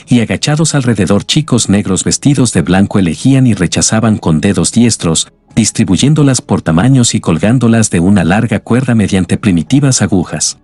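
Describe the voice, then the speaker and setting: A man narrating an audiobook story in a measured, even way. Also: lowish voice, slightly rough, no echo. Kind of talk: scripted narration. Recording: dry studio voice with faint music.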